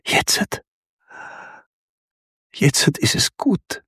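A man voicing a teasing young woman, speaking in a soft whisper. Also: on the high side, animated, slow, husky, no echo, clean studio sound, voice pushed up, full character voice.

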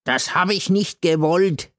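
A man's voice: high-pitched, takes it slowly, a bit bright, dry recording, clean studio sound, pitched above the performer's own voice. A man reading a story aloud and voicing a drunk man who slurs and wheedles for food. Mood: sheepish. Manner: wheedling, slurred pleading. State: drunk, slurring. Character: drunk scruffy man called God.

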